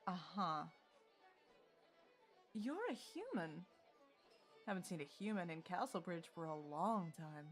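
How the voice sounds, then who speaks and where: For an audio roleplay drama, a woman plays a winged female Coatla adventurer, a wry, teasing tavern drinker who stays dry, nonchalant and unbothered. Her lowish voice swings widely in pitch, moving slowly with frequent pauses over background music.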